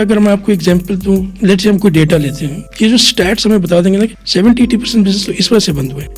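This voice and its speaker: A middle-aged chartered accountant from Quetta, Pakistan, is a guest on a podcast and explains things at length. His voice is high-pitched with a darkish tone, and he keeps mixing English phrases into his Urdu, often saying "theek hai."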